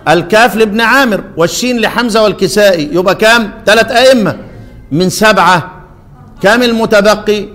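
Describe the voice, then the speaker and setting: A man's voice: high-pitched, fairly bright tone, in a large hall. Egyptian teacher quizzing his class. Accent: Egyptian Arabic. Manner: quizzes students, chants verses slowly. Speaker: Quran recitation teacher. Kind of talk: lesson on Quran reading variants.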